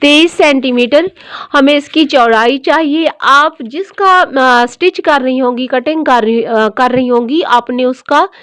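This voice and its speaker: A woman's voice: sits high, measured pace, a bit bright. A woman teaching a dressmaking tutorial, explaining each step patiently and repeating every measurement.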